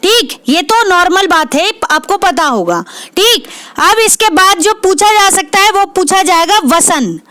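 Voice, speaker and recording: A woman's voice: extremely high pitch, expressive, unhurried, sharp tone, dry recording. A woman teaching Hindi vocabulary for exams, repeating each word and asking and answering her own questions. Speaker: Hindi literature exam tutor. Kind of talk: exam prep lesson.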